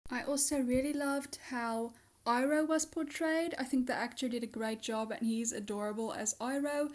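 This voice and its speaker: A young woman reviewing a show gushes about it in a raspy, high voice, hoarse because she is sick. She talks at a moderate pace, chatty and full of fillers, in a casual spoken review.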